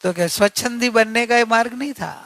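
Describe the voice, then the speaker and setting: A man's voice: very high-pitched, fast, fairly bright tone, no echo. A man giving an earnest religious discourse, repeating key points and asking rhetorical questions. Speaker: spiritual teacher.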